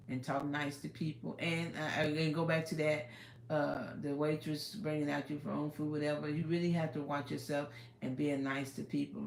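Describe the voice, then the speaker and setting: Chatty gravelly-voiced woman in her fifties. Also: low voice, darkish tone, reverberant, a little hiss or hum. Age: 50s. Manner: chatty, rambling, advice-giving. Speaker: livestream host. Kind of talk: casual livestream chat. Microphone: phone.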